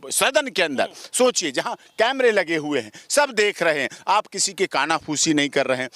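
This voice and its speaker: A man's voice: on the high side, a bit bright, dry recording. A man, a lawyer, giving emphatic comments in an interview and stacking up his points in long repeated lists. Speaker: lawyer guest.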